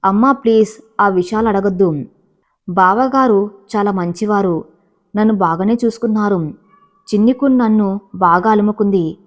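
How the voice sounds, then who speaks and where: A woman's voice: mid-range voice, moderate pace, long pauses, natural voice. Woman reading as a guarded young wife. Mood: pleading. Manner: restrained, firm.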